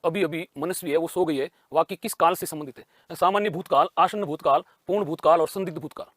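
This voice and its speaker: Man, grammar teacher, fairly high voice, dry close sound, asks and answers his own questions. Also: fast, fairly bright tone, dry recording. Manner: explains by asking and answering his own questions, repeats key terms. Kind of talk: exam-prep grammar lesson.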